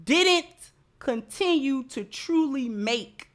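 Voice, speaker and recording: A woman with a high, animated voice speaks slowly as she hosts a livestream. Her commentary is impassioned, and she reads chat messages out to her audience, speaking emphatically and repeating phrases to drive her points home.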